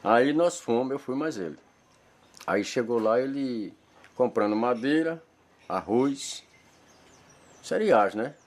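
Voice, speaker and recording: A man's voice: medium pitch, lively intonation, takes it slowly, long pauses. A man recounting his memories as a villager interviewee. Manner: plain storytelling with regional speech. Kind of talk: spoken testimony.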